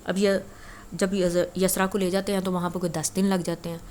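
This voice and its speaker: Woman storyteller, low even voice, relaxed chatty retelling with fillers. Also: slight background noise. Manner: chatty, conversational, frequent filler "na". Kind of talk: casual spoken story retelling.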